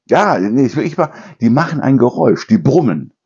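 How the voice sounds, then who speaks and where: A man's voice: fairly high pitch, darkish tone, breathy edge, dull audio. A man hosting a casual kitchen chat, rambling and correcting himself as he goes. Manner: rambling, self-correcting, imitates noises. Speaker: channel host.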